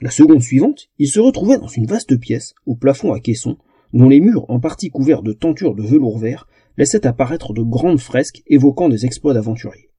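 Husky, dark-voiced male storyteller. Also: mid-range voice, normal speed, no room sound, studio quality. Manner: expressive, comic storytelling. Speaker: narrator. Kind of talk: audiobook fantasy narration.

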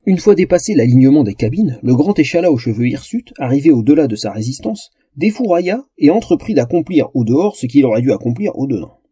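A man narrating a comic fantasy audiobook in an expressive storytelling manner. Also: mid-range voice, quick pace, husky, no echo.

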